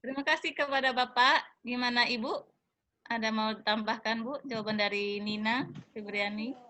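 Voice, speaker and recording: A woman's voice: a little high, fairly even intonation, normal speed, sharp tone, low-quality recording. A woman moderating a panel, politely thanking speakers and summarizing.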